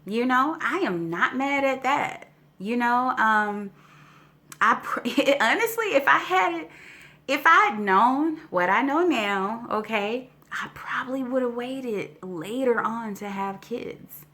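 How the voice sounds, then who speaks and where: A woman's voice: fairly high pitch, expressive, slow, sharp tone. A woman in her forties chatting casually to her viewers in a storytelling vlog, slightly winded and often checking in with "okay?" and "you know". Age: 40s. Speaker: vlogger.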